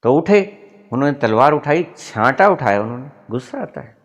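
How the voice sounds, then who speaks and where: A man's voice: medium pitch, animated, fairly quick. A man, a spiritual teacher, giving a sermon in a storytelling manner and mimicking voices for humor.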